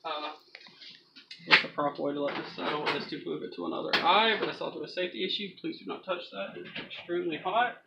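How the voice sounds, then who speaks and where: A man's voice: on the high side, fairly even intonation, quick pace, vocal fry, muffled recording. A young man giving casual, instructive explanations as he cooks at home. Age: young adult. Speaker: home cook demonstrating a recipe. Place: small home kitchen, indoors. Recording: noisy handheld kitchen camera recording.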